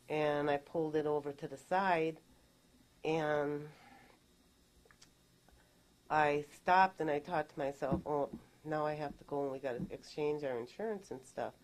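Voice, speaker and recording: A middle-aged woman giving testimony in a recorded deposition, recounting events in a plain, halting way. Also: deep voice, darkish tone. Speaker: deposition witness.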